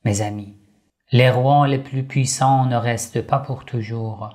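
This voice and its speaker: A man slowly narrating a religious story for children, addressing young listeners gently and deliberately. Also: medium pitch, fairly even intonation.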